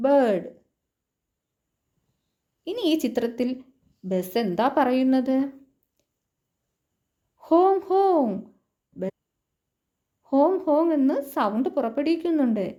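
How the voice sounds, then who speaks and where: Speaking in a high voice with a dark tone and lively intonation, a teacher with a Malayali accent gives young children a lesson. She reads a storybook sing-song style and says the English lines slowly.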